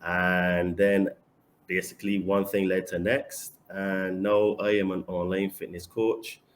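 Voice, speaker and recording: A man from Barbados with a Barbadian accent, a guest on a casual podcast, speaking confidently and emphatically with sudden bursts of loudness. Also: low voice, level tone, slow, a little hiss or hum. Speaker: podcast guest and online fitness coach.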